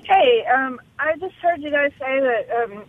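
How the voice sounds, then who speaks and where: A woman's voice: high-pitched, unhurried, dry recording. A woman calling in to a radio talk show over a clipped phone line, explaining a technical point plainly. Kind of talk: call-in radio chat. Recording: tinny phone line, faint hiss.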